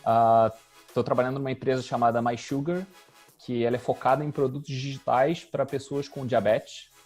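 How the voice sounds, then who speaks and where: Relaxed man in his thirties. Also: medium pitch, moderate pace, faint music behind. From Rio de Janeiro, Brazil. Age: 30s. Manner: relaxed, thinking aloud with fillers. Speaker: guest, UX designer. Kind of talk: casual interview talk.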